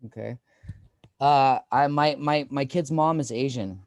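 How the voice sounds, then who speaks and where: A man's voice: medium pitch, unhurried, no room sound, clean studio sound. A man in his thirties doing a stand-up comedy set, rambling and self-deprecating with lots of fillers.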